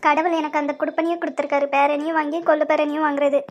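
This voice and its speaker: A doting grandmother in her old age in a homemade cartoon, voiced by a woman, reassuring and devout. The voice is high and talks fast. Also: little pitch movement, lo-fi sound, lightly acted. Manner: warmly reassuring. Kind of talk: amateur cartoon voice acting.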